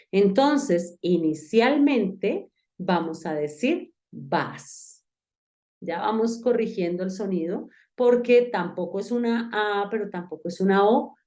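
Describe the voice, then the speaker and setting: Woman, teacher, patient step-by-step explaining, mellow tone. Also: medium pitch. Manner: patient, talks to one learner, spells out each step. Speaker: English teacher. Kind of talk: online class with a whiteboard.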